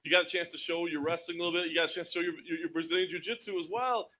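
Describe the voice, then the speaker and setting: Man, higher voice, fast talker, sharp bright tone, interviewer at press conference. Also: fairly even intonation, slight background noise.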